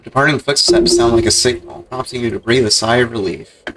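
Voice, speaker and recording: A man's voice: medium pitch, a little fast, a crowd in the background. A man streaming a game, mixing casual commentary with reading the on-screen text aloud.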